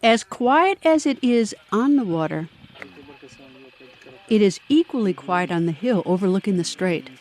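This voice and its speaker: A woman reading scripted documentary narration in a measured, even way. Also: mid-range voice.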